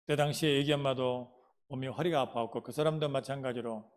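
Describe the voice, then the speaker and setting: Folksy Korean pastor with Jeolla dialect. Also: male voice, medium pitch. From Jeolla province, Korea. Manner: folksy storytelling, asks the congregation questions. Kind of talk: sermon with personal testimony.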